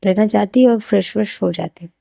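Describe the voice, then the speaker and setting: A woman storyteller narrating a serial romance in a plain, conversational way. Her voice is dark and gravelly with fry, and the recording is dry and close with no room sound. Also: mid-range voice, fast, no room sound.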